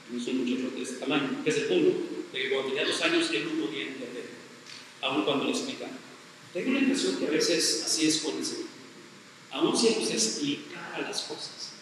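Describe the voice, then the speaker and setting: A middle-aged pastor with a high, pushed, bright voice preaches emphatically in a church sanctuary, repeating phrases and posing rhetorical questions. The very echoey hall makes him sound distant, with faint noise underneath.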